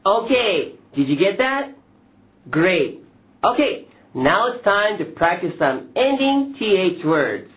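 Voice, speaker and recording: Male language teacher, lively pitch swings, slow and exaggerated modeling for learners to repeat. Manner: slow, exaggerated speech modeling, deliberate and instructional. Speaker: pronunciation teacher, lesson host. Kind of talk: instructional lesson to camera, addressing learners.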